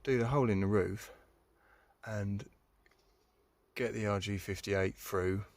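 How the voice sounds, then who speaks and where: This British man's voice is lowish and darkish, with a steady tone and a measured pace, as he films a car radio installation from inside the car. He chats casually and rambles, with wry, self-mocking grumbles throughout the DIY vlog.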